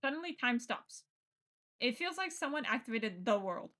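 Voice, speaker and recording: Female game streamer, slightly high lively voice, reads narration aloud with casual commentary. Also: moderate pace. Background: game music.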